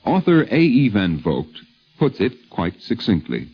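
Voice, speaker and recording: On a dull, lo-fi vintage radio recording, an American man hosts and narrates a scripted 1950s radio documentary. His voice is fairly low, gravelly, and husky, swooping wildly in pitch at a measured pace, with a wry, literate delivery.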